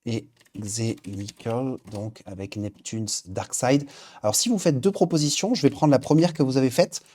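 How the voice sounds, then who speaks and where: Mellow-voiced man hosting a live stream. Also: medium pitch, moderate pace. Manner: chatty, reads viewer names aloud, frequent fillers. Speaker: livestream host. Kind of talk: casual livestream chat.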